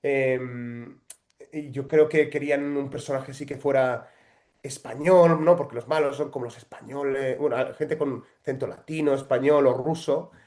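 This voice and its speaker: Guy, actor chatting in an interview, lots of ehs, mid-pitched voice. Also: steady tone, moderate pace, darkish tone. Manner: chatty storyteller, frequent hesitations. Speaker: actor guest. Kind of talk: casual interview.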